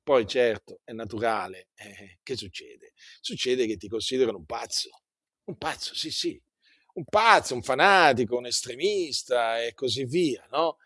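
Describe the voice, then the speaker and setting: A man preaching a sermon, speaking in an animated way, repeating himself and asking many rhetorical questions. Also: mid-range voice, a little slow, dry recording, clean studio sound.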